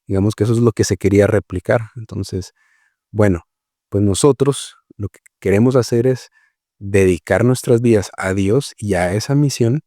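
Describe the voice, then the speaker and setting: Recorded dry at studio quality, a man from Guatemala with a warm voice on the low side describes his missionary work. It's a conversational interview, and he speaks reflectively and slowly, leaning on fillers and asking "¿verdad?" often.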